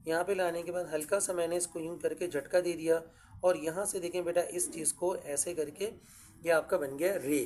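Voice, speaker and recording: Urdu accent guy teaching handwriting, slow and patient, keeps saying beta. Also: high voice, darkish tone. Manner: patient, repetitive, addresses students as "beta". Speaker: calligraphy teacher. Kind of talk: step-by-step handwriting lesson.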